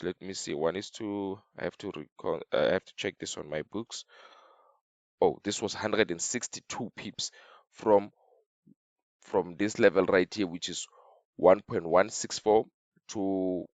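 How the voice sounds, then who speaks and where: A man with a slightly off voice teaching a trading lesson over a chart, halting and repeating himself as he draws. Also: low-pitched, a little mellow, no room sound. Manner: repetitive, halting, talks while drawing on chart. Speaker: trading signal educator. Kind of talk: screen-share trading lesson.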